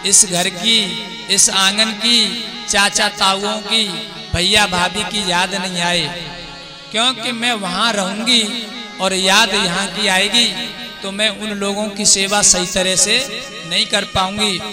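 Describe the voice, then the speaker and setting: A man voicing a gentle, dutiful young bride princess who earnestly consoles her mother in devotional storytelling. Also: sits high, steady tone, slow pace, over music.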